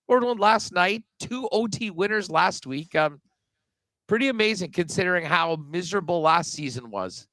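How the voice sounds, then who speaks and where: A man's voice: high-pitched, lively intonation, normal speed, bright, forceful tone, dry recording, poor audio. Man on a video call, chatty sports talk. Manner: chatty, loose, with frequent um and uh. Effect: remote guest on a video call. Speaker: sports betting podcast co-host. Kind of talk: casual sports betting chat.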